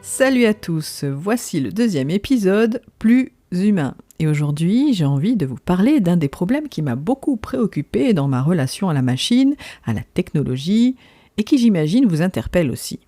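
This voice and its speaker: A woman from the south of France hosts a podcast in a fairly low, dark, very animated voice at a moderate pace, with no echo and faint background music. She delivers a scripted monologue with conversational asides, rhetorical questions, and questions put directly to the listener.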